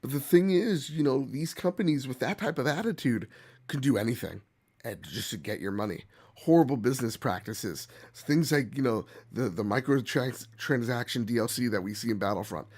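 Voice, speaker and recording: Guy doing a gaming opinion vid, really croaky and hoarse, blunt and emphatic. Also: medium pitch, animated, normal speed, a little mellow. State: hoarse from bronchitis. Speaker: gaming channel host. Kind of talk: opinion commentary to camera or viewers.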